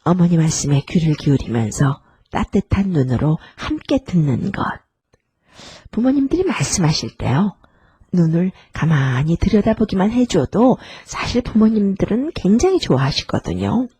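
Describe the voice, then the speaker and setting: A middle-aged woman hosts a literary podcast and talks gently and earnestly about an essay. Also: sing-song, normal speed, dry recording. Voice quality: breathy, husky, with some vocal fry. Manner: gentle, earnest, lets the pitch rise and fall widely. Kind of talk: reflective talk on an essay.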